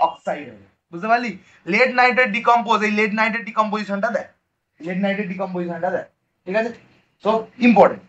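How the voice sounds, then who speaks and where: High-voiced male chemistry teacher. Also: fast, dull audio. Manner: lively, coaxing, keeps checking students understand. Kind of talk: classroom lecture.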